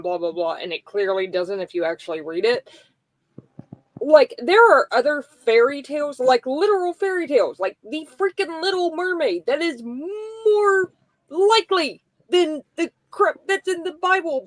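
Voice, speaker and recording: A woman's voice: high-pitched, dry recording. A woman co-hosting a casual podcast chat, blunt and exasperated, with lots of "like". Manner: blunt, exasperated, filler-heavy. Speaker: podcast co-host.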